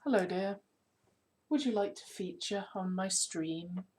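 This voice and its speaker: A woman's voice: mid-range voice, measured pace, darkish tone. A woman chatting playfully and casually on her live stream.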